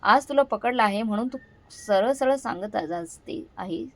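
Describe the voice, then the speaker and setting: A woman's voice: mid-range voice, moderate pace, no echo, close to an everyday voice. A woman voicing an angry grown son who scolds and interrogates his mother, in a dry recording.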